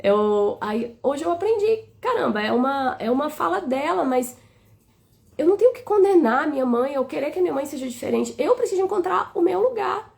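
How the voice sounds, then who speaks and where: A woman's voice: high voice, expressive, fairly quick, gravelly, a little mellow. A woman with a Brazilian Portuguese accent giving a tender, flowing spiritual talk on a live stream, often asking "né?".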